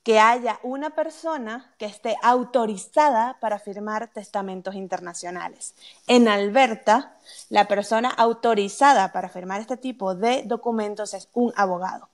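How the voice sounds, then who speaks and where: A woman's voice: mid-range voice, moderate pace. A woman answering listener questions on wills as a legal expert, explaining step by step and checking in with a frequent "ok?". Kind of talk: explaining answers in a live Q&A chat.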